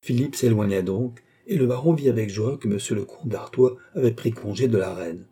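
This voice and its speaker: A man reading a classic novel aloud as an audiobook, in measured, even narration. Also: medium pitch, breathy edge. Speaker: audiobook reader.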